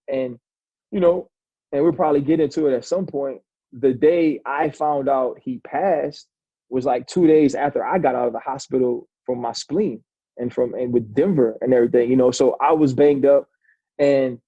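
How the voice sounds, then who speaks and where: A man's voice: mid-range voice, normal speed, warm tone, breathy edge, dry recording, muffled recording. A man in his forties, a former football player, telling a long personal story in a casual interview, talking loosely with many restarts and calling the host "bro".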